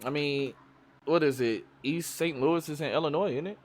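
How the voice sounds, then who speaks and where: A man from Chicago hosting a live stream, chatting casually in a loose, profane, animated way. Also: on the high side, moderate pace. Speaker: streamer host. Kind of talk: casual chat.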